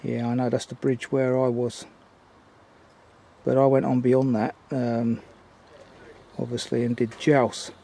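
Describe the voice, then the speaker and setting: An older man giving a casual, unhurried, observational commentary as he films a walk outdoors. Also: medium pitch, little pitch movement, vocal fry, dark tone. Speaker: hiking vlogger. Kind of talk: casual walking commentary to camera. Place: outdoors on woodland and mountain trail. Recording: outdoor ambient noise.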